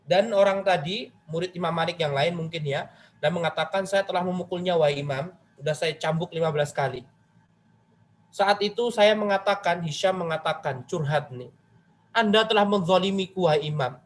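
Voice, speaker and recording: A man leads a religious study lesson in a loose, conversational way. His voice sits high, and he keeps turning to his listeners with direct questions while acting out the lines of the story he tells. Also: moderate pace. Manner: chatty, addresses listeners directly with rhetorical questions; retells a story, voicing its figures in quoted lines. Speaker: Islamic religious teacher.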